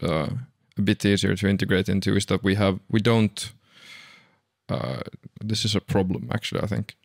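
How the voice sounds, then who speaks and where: A man speaking as a podcast guest, hesitant with many pauses and uhs. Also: lowish voice, steady tone, vocal fry, no room sound, clean studio sound. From Finland. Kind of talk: casual conversation.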